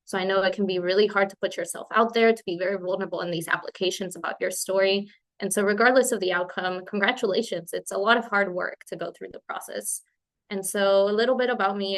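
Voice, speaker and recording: A PhD student in her twenties, born in Colombia and raised in Spain, gives an informal presentation in a remote webinar. Her voice is mid-range and fairly bright.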